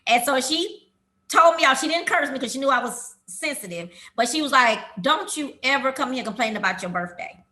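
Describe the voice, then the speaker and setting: A woman in her fifties hosts a relaxed chat among friends. Her voice sits high and rings bright. She talks a lot and stays animated. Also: brisk. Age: 50s. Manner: animated, talkative, laughs often. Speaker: host.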